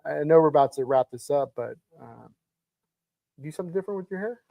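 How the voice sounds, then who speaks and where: A man co-hosts a local morning talk show in an easygoing, chatty way, filling pauses with "um." His voice is mellow and relaxed. The sound is dry and close. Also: on the high side, vocal fry, dry recording. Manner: easygoing, chatty, says y'all and um often. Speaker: co-host. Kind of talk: casual chat.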